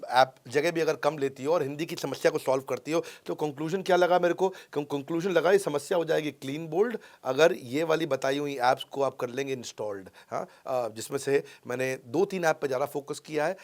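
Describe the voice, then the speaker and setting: Man, Indian accent, middle-aged, high-ish voice, emphatic motivational teacher, rhetorical check-ins. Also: a little fast, few pauses. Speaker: business coach and YouTube host.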